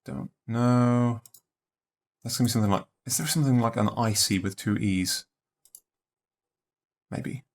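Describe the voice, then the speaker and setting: A young man thinking aloud in a let's play, musing and unhurried, trailing off into half-spoken guesses. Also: medium pitch. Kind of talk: thinking-aloud puzzle commentary.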